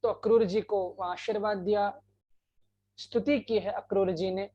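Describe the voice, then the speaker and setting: Woman, devotional storyteller, slow delivery, dull lo-fi sound. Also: medium pitch, fairly even intonation, mellow. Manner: unhurried, sings devotional verses. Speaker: katha storyteller.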